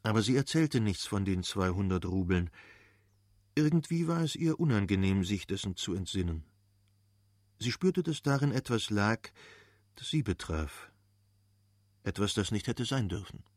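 A man reading a classic novel aloud as an audiobook narrator, measured and steady. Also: fairly low pitch, dry recording, clean studio sound. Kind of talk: scripted literary narration.

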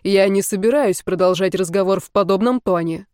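A woman's voice: mid-range voice, fairly quick, darkish tone, dry recording, studio quality, lightly acted. Woman voicing a smug young emperor. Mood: cold assured.

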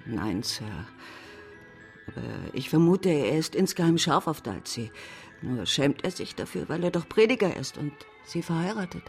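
Playing an older widowed witness in a German radio play, an actress delivers frank, matter-of-fact answers for a character who is loyal and plain-spoken. Her voice sits low and has a sing-song lilt at a moderate pace, backed by soft music.

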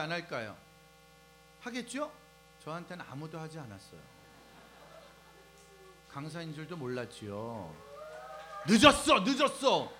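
Guy preaching to young folks, high voice that jumps around a lot, keeps asking the crowd stuff, soft music and hum in back. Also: low-quality recording. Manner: animated, asks the crowd questions and acts out scenes. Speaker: preacher at a youth service. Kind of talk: lively sermon to young people. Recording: faint music and mains hum behind.

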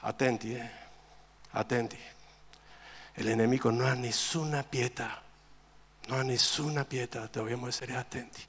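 A man preaching a sermon as pastor, impassioned and repetitive, swinging from loud to quiet. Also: medium pitch, steady tone, moderate pace, pauses often, breathy edge, long reverb tail. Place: church.

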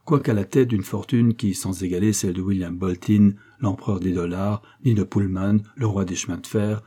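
A man reading a classic novel aloud as narrator, in measured, even storytelling. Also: low-pitched, slightly rough. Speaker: audiobook reader. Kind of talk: scripted narration.

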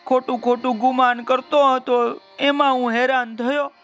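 A man's voice: very high voice, little pitch movement, normal speed, fairly bright tone, faint music behind, voice pushed up. A man voicing a boastful male vulture in a children's story, crying out and begging. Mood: grateful. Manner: pleading, crying out.

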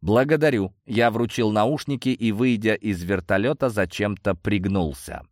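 A man's voice: on the low side, normal speed, dry recording, clean studio sound. A man narrating an audiobook in the first person with a wry, ironic delivery.

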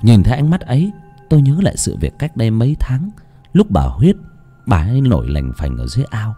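A man's voice: a little fast, slightly rough. A man narrating a horror story for an audiobook, telling it expressively. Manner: expressive storytelling with wide swings in pitch. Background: faint music.

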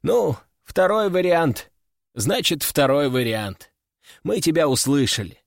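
A man voicing a calm, mocking male demonologist hero in first person. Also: on the high side, takes it slowly, vocal fry, dry recording, clean studio sound, heavily acted. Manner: laconic, mocking.

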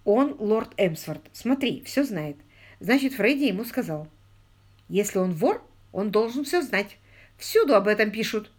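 A woman reading the part of a naive young wife who talks in a gushing, excited way. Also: mid-range voice, unhurried.

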